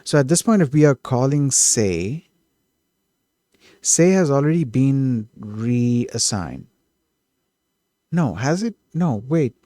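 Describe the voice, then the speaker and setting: A man streaming himself coding, thinking aloud, who gets excited and keeps correcting himself mid-thought. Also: mid-range voice, takes it slowly, long pauses, no room sound, clean studio sound. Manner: excitable, self-correcting, trails off and restarts.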